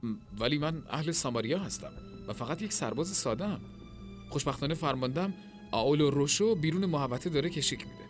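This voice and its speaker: A man's voice: on the high side, expressive, soft background music, lightly acted. Casting: man voicing a simple, confused foot soldier, hesitant, storybook reading. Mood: bewildered. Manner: hesitant, uncertain. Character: plain, bewildered male Samaritan soldier.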